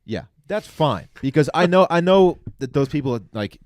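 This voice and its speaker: A man's voice: fairly high pitch, expressive, moderate pace, darkish tone, no echo. A man co-hosting a podcast in casual, earnest, rambling chat. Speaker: podcast co-host.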